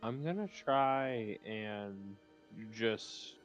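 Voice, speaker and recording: A man's voice: lowish voice, animated, extremely slow, dull audio, soft background music. A man playing in a tabletop game, talking casually and hesitantly. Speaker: player.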